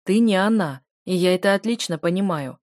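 A woman voicing a calm, possessive man who speaks in a level, unruffled way. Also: on the low side, brisk, dry recording, studio quality, close to an everyday voice. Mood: firm. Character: calm possessive adult man, firm lover.

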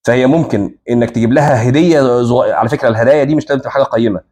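An Egyptian man delivers an informal lecture in a rapid, slightly husky voice. He speaks straight to his listeners and slips into the voices of the people he quotes. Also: mid-range voice, dark tone. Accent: Egyptian Arabic. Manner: conversational, addresses audience directly, acts out quoted speakers. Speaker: religious lecturer.

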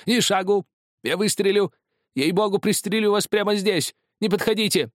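A man's voice: lowish voice, very animated, slow pace, smooth, no room sound, studio quality, pitched above the performer's own voice. A man voicing a drunk, broken old male spy who raves and screams in a trembling, rattling, slightly lisping voice. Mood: screaming threats. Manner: shrieking, raving, trembling voice.

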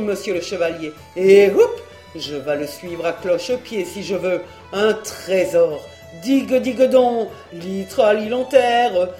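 A woman voicing a boisterous, tipsy peasant man in an audiobook, exclaiming loudly in rustic speech. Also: on the low side, echoey room. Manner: loud exclaiming rustic talk. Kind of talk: audiobook character reading.

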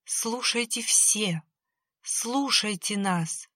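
Ominous twilight spirits whispering, as a woman reader puts them on, audiobook, very slow. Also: medium pitch, pushed and bright, dry recording, exaggerated voice. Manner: whispered, rustling.

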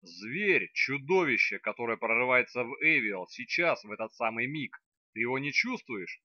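A curt, insistent young necromancer from an audiobook, voiced by the male narrator. His voice is bright and dry, pushed louder than the narration, and the recording is slightly dull. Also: medium pitch, animated, normal speed, dry recording. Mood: heated.

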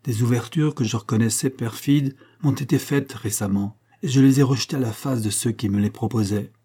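A man reading an audiobook, voicing a proud, plain-spoken working man in a steady, earnest voice. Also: medium pitch, fairly quick, slightly rough.

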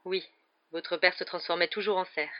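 A reader voicing a gentle, weary male teacher who speaks in a calm, measured way. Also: mid-range voice, lightly acted. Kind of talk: audiobook character voice. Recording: slightly dull lo-fi recording.

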